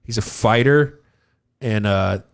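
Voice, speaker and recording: A man's voice: lowish voice, takes it slowly, creaky. Laid-back podcast guy talking sports. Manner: laid-back, fires up about players, says man and dude. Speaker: podcast co-host. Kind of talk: casual sports chat.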